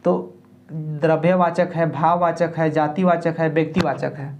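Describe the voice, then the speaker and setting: A man with a Jharkhand accent teaching an exam-prep language lesson, explaining patiently and slowly sounding out letters as examples. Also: on the high side, flat delivery, darkish tone. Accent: Jharkhand Hindi. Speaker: exam tutor.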